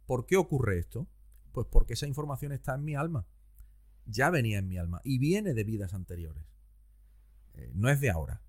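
A man, a guest teacher explaining things calmly and patiently in conversation. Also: medium pitch, fairly quick, long pauses. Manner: calm, didactic, explains patiently.

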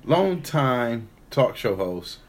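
A man's voice: mid-range voice, big pitch swings, extremely slow. A congested man co-hosting a podcast, chatting loosely and cursing as he jokes. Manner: loose and profane, joking. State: congested, coughing. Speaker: podcast co-host. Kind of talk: casual chat.

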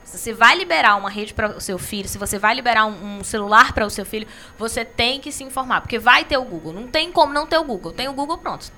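A woman's voice: fairly high pitch, expressive, fast, few pauses, bright, forceful tone. A woman co-hosting a live-stream discussion, explaining her points emphatically and repeating them for weight. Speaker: co-host.

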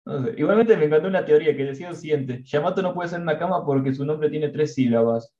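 A man's voice: on the high side, fast talker, dark tone, roomy sound, distant mic, highs cut off. A man with a Rioplatense Spanish accent, co-hosting a casual manga chat, joking and swearing offhandedly. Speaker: podcast co-host.

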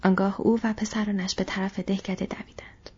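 A woman narrating a fantasy audiobook in a soft, hushed storytelling manner. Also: mid-range voice, little pitch movement. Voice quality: breathy. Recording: dull lo-fi audio.

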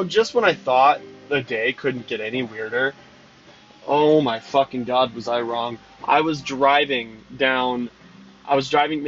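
Profane young man ranting, lo-fi sound. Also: medium pitch. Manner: profane, exasperated, animated. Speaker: snow cone truck driver. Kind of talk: casual storytelling rant. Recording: dull lo-fi sound with faint music.

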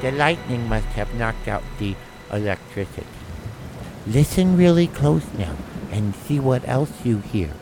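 A man voicing a frightened young boy who quietly comforts his toys in a hushed, reassuring way. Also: mid-range voice, expressive, measured pace, music in the background, pitched above the performer's own voice.

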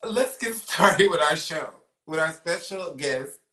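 A woman's voice: deep voice, expressive, takes it slowly, bright, forceful tone. A woman hosting a casual chat show, teasing her guests and laughing often. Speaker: podcast host. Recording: echoey room, distant mic.

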